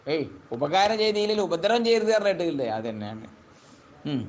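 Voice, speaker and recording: A man teaching a classical religious text, reading Arabic slowly and then explaining in quick colloquial speech. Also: a little high, sing-song.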